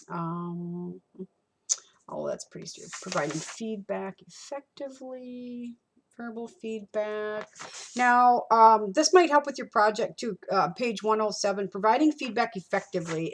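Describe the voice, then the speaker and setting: A middle-aged woman teaching a college course, talking casually through a textbook chapter and acting out customer exchanges. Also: fairly low pitch. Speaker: college instructor. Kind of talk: recorded lecture walking through a textbook.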